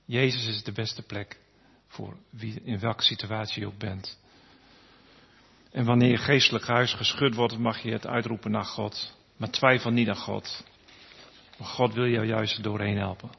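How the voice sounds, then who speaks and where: A man giving an earnest sermon, often halting with fillers and restarts. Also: fairly low pitch, level tone, gravelly, husky. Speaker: preacher. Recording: dull, reverberant hall sound.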